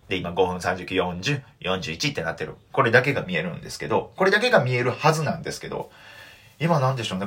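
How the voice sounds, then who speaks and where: A young man with a Kansai accent telling stories on his solo talk show, animated and mock-outraged in his asides. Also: mid-range voice. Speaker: comedian and podcast host.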